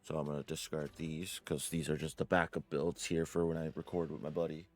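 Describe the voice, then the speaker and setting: A man's voice: a bass voice, flat delivery, fairly quick, soft background music. A man giving a casual, rambling game tutorial from home, often correcting himself and filling gaps with "like" and "uh". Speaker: gaming guide creator. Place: home room.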